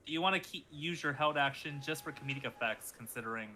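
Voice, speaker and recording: A game master narrating a tabletop game in a playful, lively way. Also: medium pitch, fast, very noisy.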